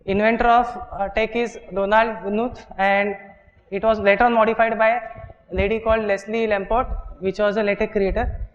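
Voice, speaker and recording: Indian man, instructor, high voice, hall reverb, dull recording, steps through explanations, checks with "okay". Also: level tone, normal speed. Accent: Indian English. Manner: explains step by step, often checks with "okay" and "right". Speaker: workshop instructor. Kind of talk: live classroom teaching. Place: large lecture hall.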